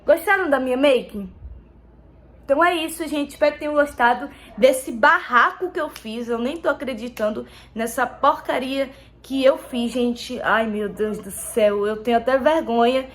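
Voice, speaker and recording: A woman's voice: high-pitched, normal speed. A girl telling a story in a casual vlog while doing her makeup, rambling and repeating herself and calling out to her viewers again and again. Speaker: vlogger. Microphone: phone.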